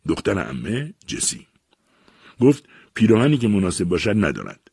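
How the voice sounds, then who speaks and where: A man narrates a literary story in a measured, expressive reading voice. His voice is deep and husky, with lively intonation, recorded close and dry. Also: no room sound. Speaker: audiobook reader.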